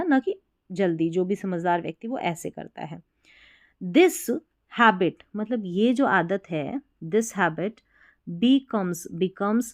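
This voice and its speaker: A woman's voice: medium pitch, a little mellow, no echo, clean studio sound. A woman with a Hindi accent teaching English pronunciation, spelling out words letter by letter and explaining each one patiently. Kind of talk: slow spelling and pronunciation lesson.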